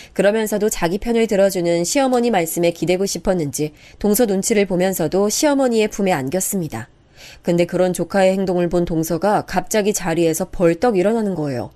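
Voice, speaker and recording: A woman's voice: fairly low pitch, mellow. A woman narrating a scripted first-person family story in a conversational, emotional way.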